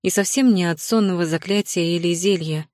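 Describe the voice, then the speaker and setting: A woman with a fairly low voice reads a first-person fantasy audiobook. Her delivery stays composed and even. The recording is dry and close, with no room sound. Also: brisk, no echo. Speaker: audiobook narrator.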